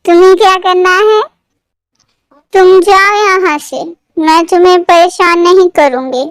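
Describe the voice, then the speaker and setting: A woman voicing a tipsy, sulky young woman in love, reading a fan fiction story aloud, with pouty, drawn-out lines. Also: very high-pitched, steady tone, dry recording.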